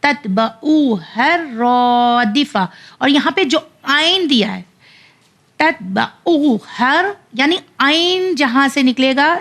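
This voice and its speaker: A woman teaching Quran reading, who spells out letters and vowel marks slowly syllable by syllable, then explains the rules quickly. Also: high-pitched, pushed and bright. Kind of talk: slow syllable-by-syllable spelling drills between fast explanations.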